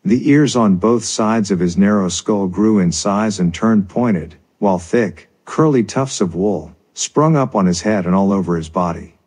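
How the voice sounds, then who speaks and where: A male narrator reads a folk tale in a measured, steady delivery. His voice sits low and has a husky grain. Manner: measured storytelling. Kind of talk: scripted narration.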